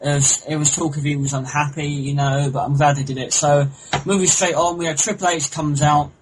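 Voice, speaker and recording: A young man chats on a homemade podcast, rambling and excitable, dropping swear words freely. His voice sits a touch high. A clear hiss runs under the recording. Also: brisk. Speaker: podcast co-host. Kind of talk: casual chat. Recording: noisy home recording.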